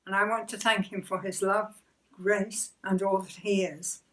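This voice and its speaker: An older woman telling her personal faith story in a hesitant, gentle way, often repeating words and giving soft laughs. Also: mid-range voice, level tone, a little slow, far from the mic, low-quality recording. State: emotional near the end. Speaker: church member sharing testimony.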